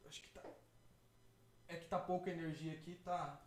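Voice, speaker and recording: Speaking at a moderate pace with fairly even intonation, this evangelical host has a fairly high-pitched voice. He earnestly offers testimony and reaction commentary, often repeating words and referring to listeners as brothers.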